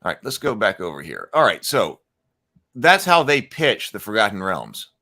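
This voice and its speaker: Hosting a laid-back live stream, this man answers viewers' chat after reading the comments aloud, restarting often and leaning on fillers as he thinks out loud. His low-side voice swoops wildly in pitch at a moderate pace, with a bright, forceful tone.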